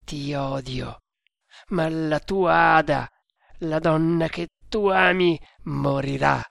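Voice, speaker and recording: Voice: medium pitch, slow, vocal fry, a bit bright, dry recording, studio quality, heavily acted. A reader voicing a tortured male villain, a strangler who roars and mocks his captor in a dramatic audiobook. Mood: gloating. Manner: roaring, mocking, bursts into wild laughter. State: groaning in pain.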